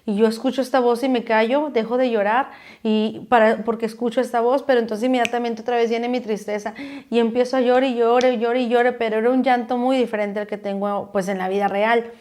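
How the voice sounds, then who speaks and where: A woman's voice: on the high side, steady tone, quick pace, darkish tone. A woman telling an emotional personal story in vivid detail, as a vlogger. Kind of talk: personal testimony.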